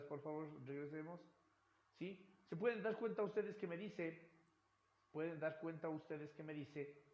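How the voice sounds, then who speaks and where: A male teacher giving a recorded lecture, often checking in with "right?" and repeating phrases as he explains. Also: a little high. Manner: checks in with "right?" and "yes?" after points; repeats words and restarts phrases. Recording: roomy echo.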